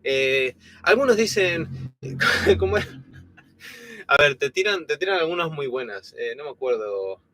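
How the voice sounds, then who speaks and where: Animated yet unhurried, with long pauses, a slightly high-voiced Argentine man in his thirties co-hosts a live stream. His talk is casual and full of fillers and restarts, and his accent has softened from years spent in Spain.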